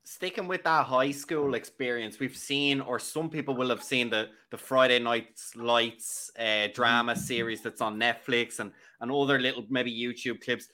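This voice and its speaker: A man's voice: medium pitch, steady tone, normal speed, hardly any pauses, sharp tone. A man co-hosting a podcast, casually putting questions to a guest. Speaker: podcast co-host.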